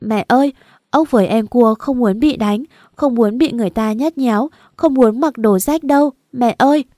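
A little boy sobbing for his mother, as a woman narrator puts him on, pitched higher and pushed louder than her reading voice. His words come out in a begging, tearful child's voice. It is a storybook reading, close and dry. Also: normal speed, dry recording, close to an everyday voice. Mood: crying.

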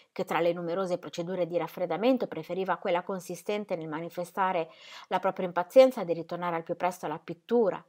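A woman narrating a novel aloud with steady, measured delivery. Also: medium pitch. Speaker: audiobook reader. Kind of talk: literary reading.

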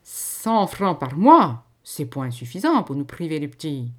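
A woman voicing a shrewd peasant wife who bargains in a blunt, loud, rustic way. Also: deep voice, very animated, a little slow, exaggerated voice.

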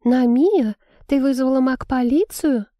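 A woman's voice: sits high, measured pace, no echo, lo-fi sound, pitched above the performer's own voice. A woman doing a whiny, pleading young daughter. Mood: bleating. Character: young woman, dead man's weepy daughter, wheedling.

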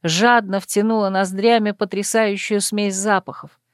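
A woman narrating a first-person romance audiobook in an intimate, measured reading. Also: medium pitch, fairly even intonation, clear, resonant tone, no echo, studio quality.

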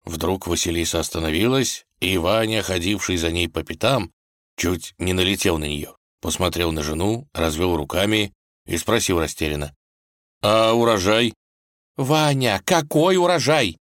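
Deep-voiced man narrating a fairy tale. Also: normal speed, a bit bright, no echo, studio quality. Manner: playful storytelling.

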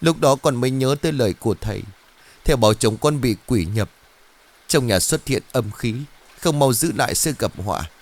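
A man voicing a desperate middle-aged woman who begs for help in a high, tearful voice. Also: expressive, moderate pace. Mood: pleading tearful. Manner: tearful, pleading, high-pitched.

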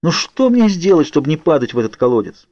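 A man's voice: medium pitch, rapid-fire, a little mellow, no echo, muffled recording, lightly acted. A man reading an audiobook, voicing a young woman in agony who cries out frantically in a raised voice. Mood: desperate.

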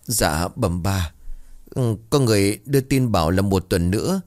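A man doing an old servant in an audio story, humble and cautious with his mistress. His low voice rises and falls as he chooses careful words. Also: expressive, normal speed, darkish tone, close to an everyday voice. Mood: worried. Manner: deferential, hesitant.

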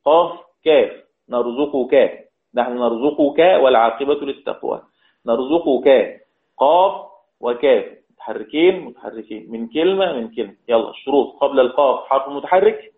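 A man teaching a religious lesson on Quran recitation. He explains step by step, repeats key words and draws out the example words slowly. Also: mid-range voice, animated. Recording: tinny phone-like sound in an echoey room.

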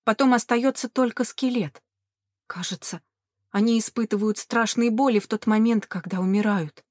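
A woman voicing a shaken young female guard speaking quietly of the dead. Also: normal speed, no room sound, studio quality, close to an everyday voice. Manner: quiet, hollow and low.

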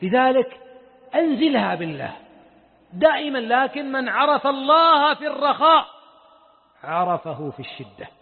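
A man preaching a sermon with emotion, moving from hushed lines to loud exclamations. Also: very high voice, big pitch swings, normal speed, pauses often, slightly rough. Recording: echoey hall over a tinny lo-fi recording.

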